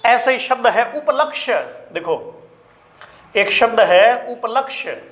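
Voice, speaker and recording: A man teaching a spelling lesson to exam students, repeating each word slowly and calling his listeners children. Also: extremely high pitch, expressive, a bit bright. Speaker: Hindi teacher.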